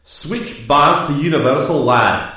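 A tough, gruff Scottish space commander, put on by a man reading a story aloud. The voice sits high above the narrator's own and barks brisk orders with fatherly warmth. It rings in a roomy, echoing space.

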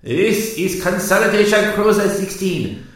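A man's voice: sits high, unhurried, very echoey, distant mic, voice pushed up, poor audio. A man voicing a heavy, reluctant enemy cruiser commander who speaks stiffly and indignantly.

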